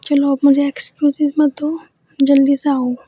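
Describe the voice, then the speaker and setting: A woman's voice: sits high, level tone, moderate pace, lightly acted. A woman voicing a confident, teasing young woman lover in whispered role-play, coaxing with playful murmurs. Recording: dull lo-fi recording.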